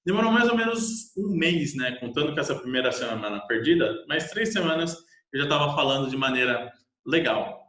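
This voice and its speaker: A young Brazilian man tells a personal story with animated, self-mocking energy. His voice sits a little high for a man. The room around him is echoey. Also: brisk. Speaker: English teacher.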